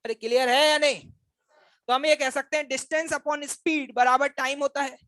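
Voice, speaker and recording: Male physics teacher, high-pitched, dry sound, quizzes and ribs the class. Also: fairly even intonation, moderate pace, a bit bright, dry recording. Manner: quizzes and teases students, addresses them as brothers. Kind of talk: classroom lecture. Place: classroom with students.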